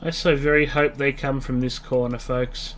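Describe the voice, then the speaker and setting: Stuffed up from a mild cold, the let's play host, a man in his late thirties, narrates his gameplay casually and thinks through moves aloud. His mid-range voice is fairly bright, stays fairly flat in pitch, and moves at normal speed over a little hiss or hum.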